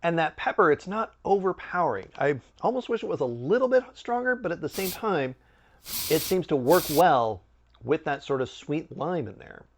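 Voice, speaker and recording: A man hosting a snack review, chatting casually with animated, swooping emphasis. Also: on the high side, normal speed. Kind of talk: casual food review chat.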